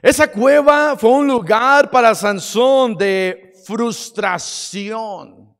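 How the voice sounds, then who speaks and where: A man preaching a sermon in a church, acting out scenes dramatically and swinging from shouts to quiet. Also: very high-pitched, drawn-out words. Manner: dramatic, acts out stories, shifts from shouting to quiet. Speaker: pastor. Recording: long hall reverb.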